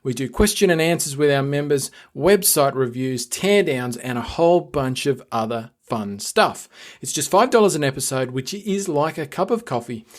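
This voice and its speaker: A man's voice: mid-range voice, animated, normal speed. Male podcast host, mid-range voice, upbeat and conversational, does ad reads and interviews. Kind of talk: casual interview and scripted promo read.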